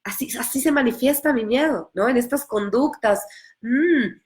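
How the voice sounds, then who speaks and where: Woman coach, bit high voice, earnest, keeps repeating herself and acting out what people tell themselves. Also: normal speed. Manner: earnest, acts out inner voices, repeats key phrases. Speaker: empowerment coach. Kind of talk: live talk and group coaching.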